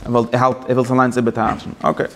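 A man's voice: mid-range voice, monotone, very fast, a bit bright, slight background noise. A man teaching a Torah class, rambling and correcting himself as he goes, with English and Hebrew terms mixed into his talk. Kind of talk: Yiddish-style Torah class.

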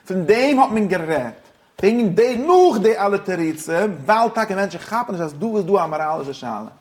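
A man in a lively discussion, talking quickly and repetitively, restarting phrases and mixing Yiddish, German and English words. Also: high voice. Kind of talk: heated casual discussion.

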